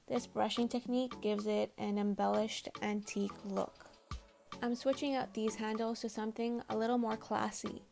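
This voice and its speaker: With a mid-range, creaky voice of darkish tone, a DIY home makeover vlogger who is a native Tamil speaker reads her scripted narration. She keeps it casual, chatty and self-deprecating, and faint background music runs underneath.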